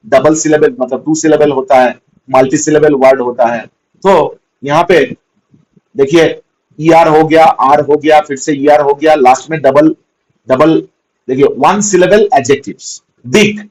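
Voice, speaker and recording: Male tutor, fairly high-pitched, steady classroom explaining, checks understanding often. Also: poor audio. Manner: patient, repetitive, spells out words letter by letter. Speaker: teacher. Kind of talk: grammar lesson.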